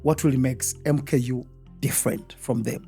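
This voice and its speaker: A man with a Rwandan accent hosts a student podcast as a casual interview chat, filling his speech with "uh" and eager "wow" reactions. His mid-range voice is gravelly and mellow, with fairly even intonation at a normal speed. Faint music plays behind him.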